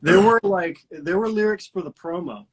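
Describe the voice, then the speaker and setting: A young man with a fairly high voice talks casually through old band stories. His tone is husky and a bit breathy. He rambles, swears freely and laughs as he goes. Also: normal speed, rough recording. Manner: rambling storytelling with laughs and crude language. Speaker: guitarist and vocalist, interview guest. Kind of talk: casual interview chat.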